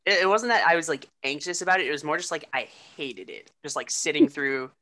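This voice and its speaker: A woman's voice: deep voice, fast, bright, forceful tone. A teenage girl hosting a student podcast, telling a story in casual chat with many restarts. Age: teens. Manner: rambling, full of restarts and "like". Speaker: podcast host.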